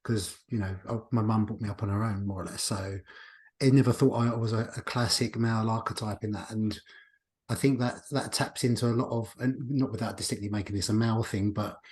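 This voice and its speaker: A man with a fairly low voice hosts a casual podcast conversation. He talks reflectively and often restarts his sentences while working out his thoughts. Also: steady tone, brisk, darkish tone. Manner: reflective, thinks aloud with restarts. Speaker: podcast host.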